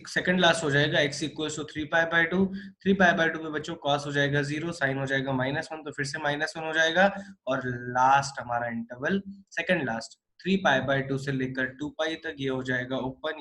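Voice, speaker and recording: A man's voice: on the high side, normal speed. A man teaching a math class online, coaxing and joking with his students as he works through problems. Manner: animated, coaxing students, calls them kids. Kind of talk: live online class lecture.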